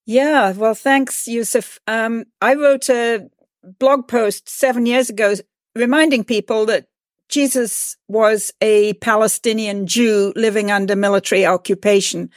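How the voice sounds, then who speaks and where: A woman's voice: on the high side, fairly even intonation, a little slow, dry recording, clean studio sound. A woman co-hosting a podcast, asking a guest questions in an articulate, direct way. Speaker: podcast co-host. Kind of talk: interview questions.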